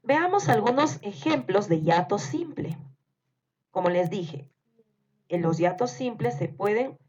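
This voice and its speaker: A woman teaching a grammar lesson, speaking slowly and deliberately and spelling out syllables one by one. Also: medium pitch, a little mellow, husky. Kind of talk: scripted grammar lesson narration. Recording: dull lo-fi recording.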